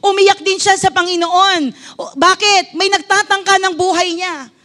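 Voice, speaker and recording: High-voiced Filipino woman pastor preaching. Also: steady tone, normal speed, bright, forceful tone. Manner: fervent, mixes English into Filipino, asks the congregation questions. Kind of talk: sermon.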